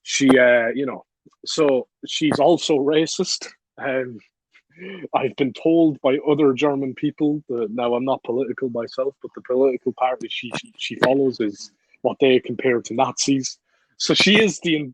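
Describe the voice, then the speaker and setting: A young man in his late teens speaks in a husky, mid-range voice at a moderate pace. He's a podcast guest casually telling a story, blunt and profane, laughing as he goes. The recording is dry and dull lo-fi with no room sound.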